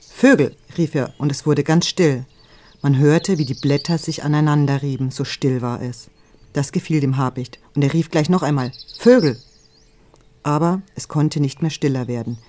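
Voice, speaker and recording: A reader telling a storybook aloud in a calm, gentle way. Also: mid-range voice, moderate pace. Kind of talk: storybook reading.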